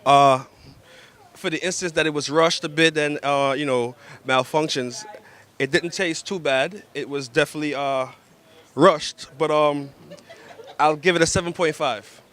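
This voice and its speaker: A man judging a cooking competition, giving his critique in hesitant, measured phrases. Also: on the high side, steady tone, a bit bright. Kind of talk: spoken critique.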